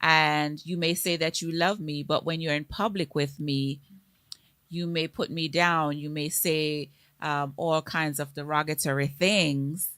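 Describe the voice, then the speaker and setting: A woman's voice: low voice, steady tone, measured pace, a bit bright, no echo. A woman co-hosting a casual live-stream chat with her husband, explaining her view earnestly through repeated examples. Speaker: co-host.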